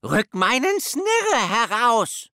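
A boisterous grown Viking with a squeaky, exaggerated voice. The pitch sits far up and swoops widely, and the words are drawn out very slowly. The sound is dry and close. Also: male voice, huge pitch swings, fairly bright tone, no echo, exaggerated voice. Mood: angry. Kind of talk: storybook reading.

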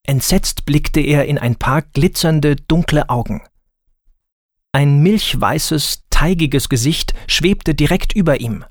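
Slow, deliberate storybook narrator, male. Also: on the high side, no echo, studio quality. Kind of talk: scripted children's story narration.

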